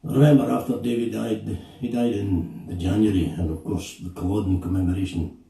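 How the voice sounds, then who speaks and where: A Scottish man, a singer-songwriter, telling a story between songs at a live gig in a slow, halting, reflective way. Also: lowish voice, fairly even intonation, gravelly, mellow. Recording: echoey room, distant mic, guitar behind.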